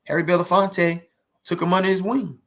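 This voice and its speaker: Fairly bright and high, the man's voice stays flat as he talks at a fairly quick clip. He's an actor guesting on a podcast, spinning conversational stories full of emphatic rhetorical questions and check-ins with the listener.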